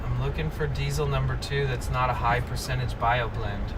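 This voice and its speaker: Frat-bro guy over loud road noise. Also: steady tone, moderate pace. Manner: laid-back frat-bro slang with swearing, says bro and dude. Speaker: livestreamer, vanlife traveler. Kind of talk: casual livestream chat to viewers. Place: in and around a van on the road. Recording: noisy vehicle outdoors, distant mic, engine rumble.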